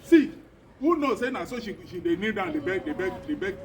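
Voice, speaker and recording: A man's voice: high voice, sing-song, a little fast, a crowd in the background. A man with a Nigerian Pidgin accent playing a neighbor who lectures the women preachily. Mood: lecturing.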